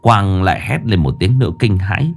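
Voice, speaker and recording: Low-voiced man telling a ghost story. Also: fairly quick, gravelly, slight background noise. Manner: expressive, rising and falling for suspense. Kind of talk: dramatic horror story narration.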